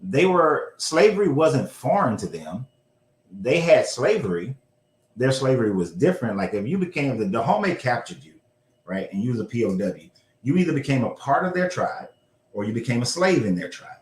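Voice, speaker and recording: A man hosts a casual history show in a mid-range, sing-song voice at a moderate pace. He talks loosely, swearing a bit and correcting himself as he goes, in a room with noticeable echo.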